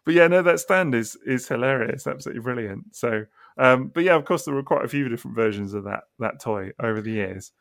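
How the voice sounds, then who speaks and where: Man, gravelly, casual podcast host, dry close mic. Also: medium pitch, animated, fairly quick, a bit bright, no echo. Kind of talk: casual chat about collectible toys.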